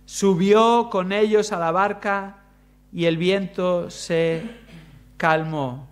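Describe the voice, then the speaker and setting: A man preaching a sermon, expressive, using rhetorical questions and shifting pace for emphasis. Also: high voice, takes it slowly.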